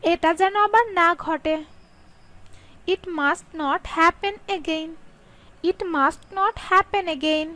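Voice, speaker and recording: Very high, very slow woman teacher. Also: sharp tone, poor audio. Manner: slow, carefully spaced delivery, Bengali read quickly, English drawn out. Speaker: English teacher. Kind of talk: slow sentence drill, reading each English sentence twice.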